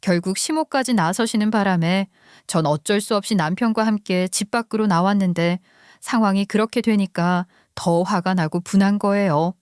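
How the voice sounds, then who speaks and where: A woman narrating a listener's story in the first person, in a steady, confiding way. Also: medium pitch, moderate pace, clear, resonant tone, no echo, studio quality.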